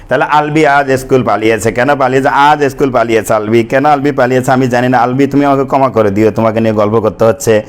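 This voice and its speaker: A man teaching a biology class, joking and chatty, often asking students to answer or repeat after him. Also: medium pitch. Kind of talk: playful classroom lecture.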